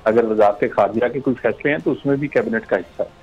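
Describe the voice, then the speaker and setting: A man debating as a politician, rebutting firmly in measured sentences. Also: mid-range voice, slightly rough. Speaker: politician guest. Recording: muffled remote line with faint music.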